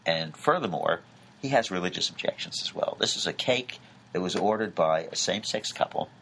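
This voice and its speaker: A middle-aged man explaining a court case in a measured way, with frequent filler sounds. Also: deep voice, lively intonation, fairly bright tone, a little hiss or hum, rough recording. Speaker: legal commentator. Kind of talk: conversational legal explanation.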